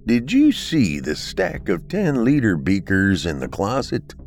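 A man's voice: lowish voice, wildly swooping pitch, measured pace, darkish tone, faint music behind. A man voicing a matter-of-fact male medical examiner in an audiobook, speaking dry and clinical.

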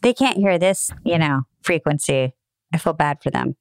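Woman, sharp piercing voice, slightly low pitch, dry close sound, casual podcast banter. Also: lively intonation, normal speed, clear, resonant tone, dry recording. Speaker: podcast co-host. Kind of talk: casual chat.

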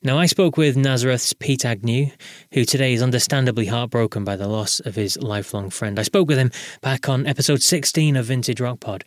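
A man's voice: medium pitch, fairly quick, hardly any pauses, dry recording. Male podcast host, dry close sound. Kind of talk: solo podcast commentary and interview.

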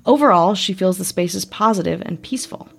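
A woman podcast host who narrates calmly and chats with guests, giving short agreeing replies. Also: lowish voice, fairly quick, vocal fry, slightly rough. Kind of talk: narration and interview chat.

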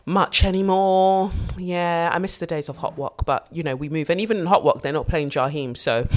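A woman's voice: on the low side, moderate pace. A woman with a London accent hosting a podcast in casual solo chat, candid, playful, slangy and sweary. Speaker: podcast host.

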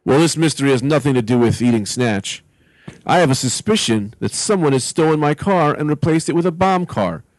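A man acts out a cocky robot detective from a comedy script. He talks in showy street slang at a middle pitch, recorded close and dry. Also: animated, a little fast, dry recording, lightly acted, poor audio.

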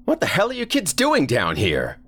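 An angry, frightened father bellows down a dark stairwell, as the narrator puts him on. His voice is pushed high and strained, the words slow and heavy. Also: wildly swooping pitch, heavily acted. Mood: angry yell. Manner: yelling, then hushed horror. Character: stern father, shocked and scared.

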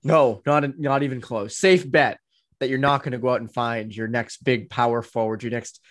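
A man's voice: mid-range voice, steady tone, normal speed. A man appearing as a guest on a sports podcast, chatting casually and thinking aloud with lots of "um" and "you know".

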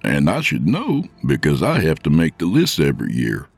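Man doing a gravelly soothing biker Santa. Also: huge pitch swings, normal speed, no echo, faint music behind, heavily acted. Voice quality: deep gravelly. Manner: soothing, warm with kids, growls at villains. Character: gruff gentle biker Santa, older man.

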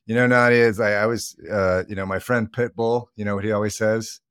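Deep-voiced man co-hosting a podcast. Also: steady tone, quick pace, fairly bright tone, smooth, no room sound, clean studio sound. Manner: joking, rambling with many fillers. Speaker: podcast co-host. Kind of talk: casual chat.

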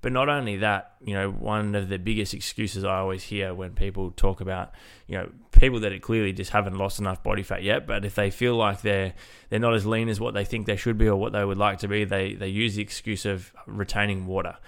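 Aussie bloke chatting on a fitness podcast, stuffy nasal voice, kinda low, pretty monotone, informal coach type. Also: male voice, a little fast, creaky, hardly any pauses, smooth. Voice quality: nasal, congested-sounding. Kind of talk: casual solo podcast talk.

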